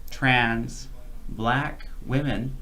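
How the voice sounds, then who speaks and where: A man's voice: medium pitch, fairly even intonation, drawn-out words, sharp tone. A man co-hosting a casual talk show, speaking earnestly with many fillers and restarts. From Canada. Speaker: co-host. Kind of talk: casual chat.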